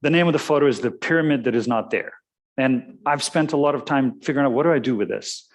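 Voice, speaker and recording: A man's voice: medium pitch, fast. A man from Serbia with a Serbian accent, giving a musing, discursive lecture as a guest photographer and correcting himself as he goes. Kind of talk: lecture talk with slides. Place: lecture room.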